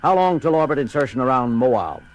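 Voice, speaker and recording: An actor playing an exasperated, authoritative starship captain in an audio drama, giving clipped orders. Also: male voice, medium pitch, big pitch swings, brisk, slight background noise, close to an everyday voice. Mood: grave, businesslike. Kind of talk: dramatic audio theater acting. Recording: music under the voice.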